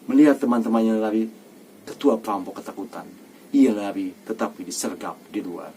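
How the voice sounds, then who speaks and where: A man reading a children's story aloud in a steady, even way. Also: lowish voice, a little fast, vocal fry, slight background noise.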